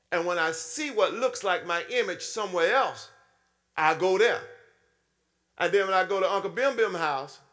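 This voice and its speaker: A man preaching a sermon in a style, calling out to the congregation and acting out little scenes in swooping voices. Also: bright, forceful tone. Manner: call-and-response preaching, frequent "Hmm?" to the congregation; acts out voices with sudden high swoops and low drops.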